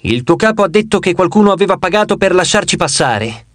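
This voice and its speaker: Man voicing a suspicious teen girl, audiobook, lively delivery. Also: sits high, quick pace, dry recording. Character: suspicious teenage girl demigod.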